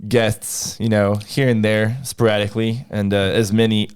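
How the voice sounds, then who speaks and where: A man's voice: on the low side, level tone, normal speed, clear, resonant tone. A young man hosting a casual podcast, joking around loosely and talking with lots of filler words. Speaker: podcast host. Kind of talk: casual chat.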